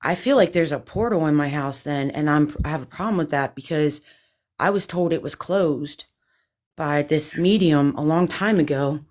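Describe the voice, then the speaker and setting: A woman's voice: low voice, moderate pace, a little mellow. A woman hosting a live paranormal investigation, sounding exhausted and drained, talking anxiously in rambling restarts. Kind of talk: live-stream chat.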